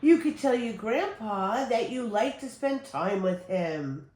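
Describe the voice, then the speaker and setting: An older woman reading a children's picture book aloud as a storyteller, with expressive, deliberate phrasing for young listeners. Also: fairly high pitch. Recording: roomy echo with background noise.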